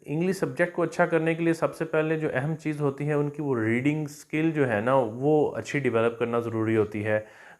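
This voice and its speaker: Man explaining English phonics. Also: medium pitch. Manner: explanatory, repeats "theek hai na" and fillers. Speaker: English teacher. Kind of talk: explaining phonics to teachers and students.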